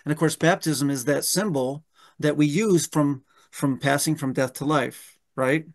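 A pastor in his fifties leads a Bible study from a room at home over a video call, picked up by his webcam. His voice is fairly high and a little slow, and he frequently restarts sentences and keeps asking "right?"

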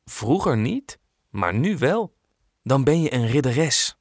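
A man voicing a patient mother who explains things calmly in a children's audiobook. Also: medium pitch, takes it slowly, no room sound, studio quality, full character voice. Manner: gentle and explaining. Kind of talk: audiobook character voice.

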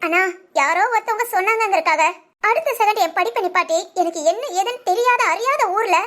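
A woman voicing a young woman hurt by her parents, who talks fast, earnestly and with strong feeling. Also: very high voice, fairly bright tone. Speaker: storyteller. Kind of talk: acted short story.

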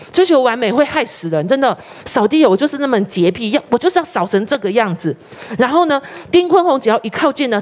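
A middle-aged woman preacher, delivering a sermon and asking the congregation questions. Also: a little high. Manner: animated, rhetorical questions to the congregation.

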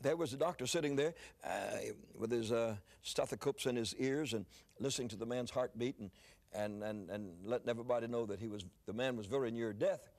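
A man's voice: mid-range voice, brisk, darkish tone. An older man preaching, telling a story in a sermon, often repeating words as he starts a phrase.

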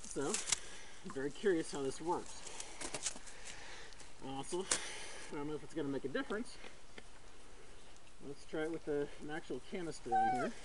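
A man's voice: a little high, huge pitch swings, normal speed, pauses often, noisy background. A man speaking through a gas mask, casually thinking aloud as he demonstrates gear. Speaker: gear reviewer.

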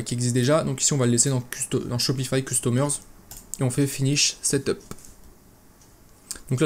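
A man calmly talking through a software tutorial step by step, with lots of fillers and restarts. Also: medium pitch, a little hiss or hum. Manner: relaxed, explains step by step with many fillers and restarts. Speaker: e-commerce tutorial host. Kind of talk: casual screen-recorded software tutorial.

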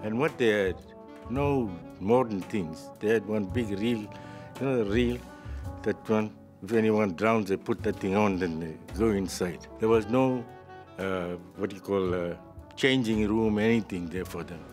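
A man's voice: fairly low pitch, unhurried, darkish tone. An older man with a Durban Indian South African accent, reminiscing colloquially in short phrases as a documentary interviewee. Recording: music bed under the voice.

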